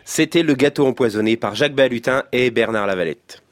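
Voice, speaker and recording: A man's voice: mid-range voice, a little fast, over music. A man hosting a radio programme in a conversational, slightly hesitant way. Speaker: radio host.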